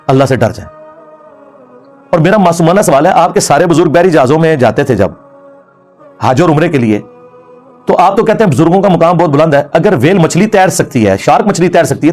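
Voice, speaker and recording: A man's voice: a little high, a little mellow. A man giving a religious lecture, mocking his opponents and laughing as he argues. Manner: mocking, laughs while arguing. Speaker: Islamic scholar.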